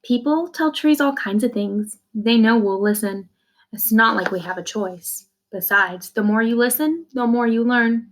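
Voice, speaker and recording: Reading a children's novel aloud without hurrying, a woman with a voice on the high side tells the story expressively in the first person, much as a teacher would. Along the way she adds brief, simple explanations for the young audience.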